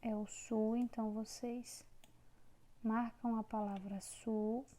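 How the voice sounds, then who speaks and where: A woman teacher giving a recorded grammar lesson, dictating words slowly and clearly syllable by syllable. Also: a little high, little pitch movement, mellow. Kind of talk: online Portuguese grammar lesson.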